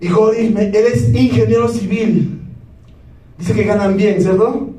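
A man in his thirties giving a lively motivational talk, keeps asking the audience yes or no. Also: high voice, a little slow. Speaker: motivational speaker. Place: large hall with a live audience. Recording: echoey hall, speaker far from the mic.

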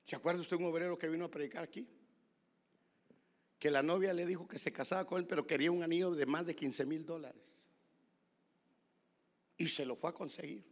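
High gravelly preacher man in echoing hall. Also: steady tone, fairly quick, long pauses. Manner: swings from hushed whispers to loud shouting, calls listeners "hermano". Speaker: pastor. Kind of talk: sermon.

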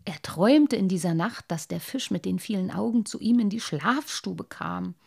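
Woman storyteller, expressive children's-book reading, mid pitch. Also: normal speed, vocal fry, slightly rough.

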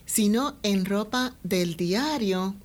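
A Puerto Rican woman, a fashion designer, answering interview questions in a measured, thoughtful way. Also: medium pitch, lively intonation. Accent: Puerto Rican Spanish. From Puerto Rico.

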